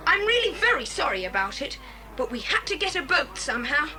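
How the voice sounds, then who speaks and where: A woman's voice: high voice, very animated, brisk. A woman playing a resourceful young boy who takes charge, with a decisive British delivery in a children's audio drama. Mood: defiant. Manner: decisive, crisp commanding delivery. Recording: noisy old cassette recording.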